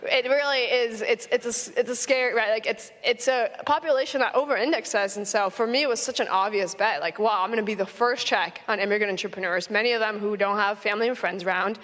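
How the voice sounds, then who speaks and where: A young woman from Florida speaking on a conference stage at a medium pitch. She talks earnestly, pausing on "um" and restarting her sentences. Her voice carries a long reverb from a large hall. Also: steady tone, a bit bright. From United States (Orlando, Florida). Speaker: panelist, venture investor. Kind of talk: conversational panel talk.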